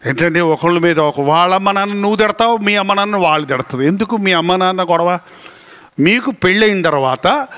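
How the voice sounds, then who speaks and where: A male pastor giving a lively sermon with a Telugu accent, acting out family quarrels as he goes. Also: sits high. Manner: animated storytelling, acts out family quarrels.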